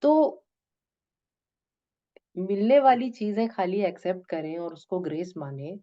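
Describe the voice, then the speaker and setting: A woman teaching a spiritual discourse to her students, gently coaxing them and slipping English phrases into her talk. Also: on the low side, expressive, a little slow, muffled recording. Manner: gentle, coaxing, addresses listeners as "beta".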